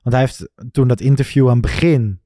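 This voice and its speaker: Male co-host, animated and chatty, mellow tone, dry close mic. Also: medium pitch, fairly quick, no echo. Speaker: podcast co-host. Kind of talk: casual football chat.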